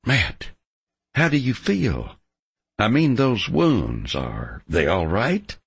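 A man voicing a spirited young ranch woman in an audiobook, guarded yet tender, with a lightened husky voice and an earnest, protesting manner. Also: lowish voice, very animated, slow, dry recording, voice pushed up, full character voice. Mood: concerned, curious. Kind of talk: audiobook character dialogue.

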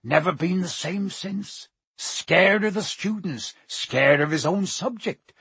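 A man's voice: high voice, slow, a bit bright, breathy edge, no room sound, voice pushed up, exaggerated voice. A man voicing a huge, jovial groundskeeper who talks in a hearty, folksy way.

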